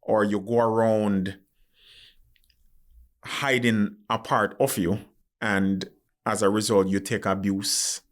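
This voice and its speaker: A Jamaican podcast host conducts an interview conversation reflectively and earnestly, often giving short acknowledgements while his guest speaks. His lowish voice stays level, and he takes it slowly with frequent pauses.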